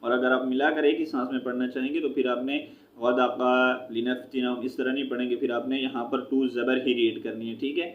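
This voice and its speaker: A man teaching Quran recitation, spelling out letters and vowel marks syllable by syllable and blending them, with quick explanations that end in a repeated check-in. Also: medium pitch, level tone. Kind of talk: slow spelling-out recitation lesson. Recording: echoey room, dull lo-fi sound.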